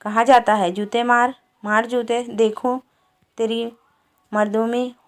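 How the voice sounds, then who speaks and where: A woman voicing a fierce, proud peasant wife in a village quarrel, speaking in a sharp, scolding way. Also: fairly high pitch, level tone, slow pace. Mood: wailing defiance.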